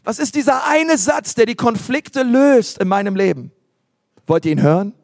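A man preaching a sermon, emphatic and animated, with repetitions and acted asides to the congregation. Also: extremely high pitch, normal speed, gravelly, dry recording, clean studio sound. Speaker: pastor.

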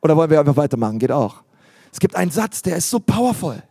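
A man preaching a sermon, emphatic and animated, with repetitions and acted asides to the congregation. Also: a little high, fast, creaky, husky, no echo, studio quality. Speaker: pastor.

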